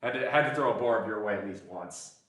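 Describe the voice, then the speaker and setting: Recorded on a distant mic with slight background noise, a gym livestreamer talks casually to viewers between sets in a mild Southern accent, cracking jokes at his own expense. His voice is on the low side and a bit bright, and he speaks fairly quickly. The indoor space echoes heavily, leaving him off-mic.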